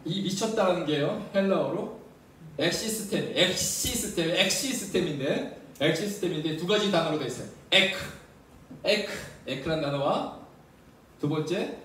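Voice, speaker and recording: A man's voice: on the high side, fairly bright tone, a little hiss or hum. A man preaching a sermon as pastor, often asking the congregation questions. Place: church sanctuary. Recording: very echoey church hall, mic at a distance.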